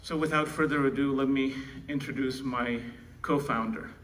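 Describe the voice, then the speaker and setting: Away from the mic in a large conference room with faint room noise, a Czech Republic keynote presenter introduces his co-founder during a live conference speech. His manner is conversational, with restarts and asides to the audience, and his mid-range voice has fairly even intonation and a moderate pace.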